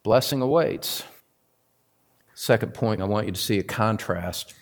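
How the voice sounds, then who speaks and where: Earnest preacher man building to emphatic peaks. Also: a little slow. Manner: builds in pitch and loudness for emphasis, then drops low; earnest, addresses listeners as beloved. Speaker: pastor. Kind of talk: sermon.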